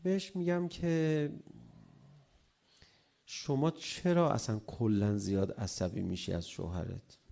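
A middle-aged man delivers a sermon with a gravelly edge to his voice. He is animated, and his voice climbs when he acts out arguments between spouses. His pitch sits in an ordinary middle range. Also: long pauses. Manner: animated, acts out quarrels in a raised voice. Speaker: cleric giving a religious talk on marriage.

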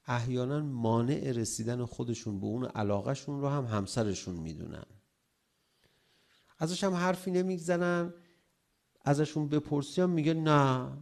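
A middle-aged man delivers a sermon with a gravelly edge to his voice. He is animated, and his voice climbs when he acts out arguments between spouses. His pitch sits in an ordinary middle range. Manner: animated, acts out quarrels in a raised voice. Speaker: cleric giving a religious talk on marriage.

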